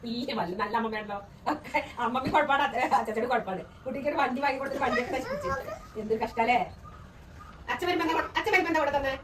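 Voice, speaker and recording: A woman's voice: high-pitched, expressive, very fast, reverberant, recorded from a distance, background noise. A woman, a preschool teacher, chatting with a small child and asking him playful teasing questions.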